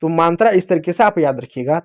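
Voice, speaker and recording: A man's voice: a little high, lively intonation, brisk, a little mellow. A male teacher giving a reading lesson to young children, patiently repeating each sound, asking questions and answering them himself, and calling his listeners dear children. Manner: addresses children fondly as dear kids.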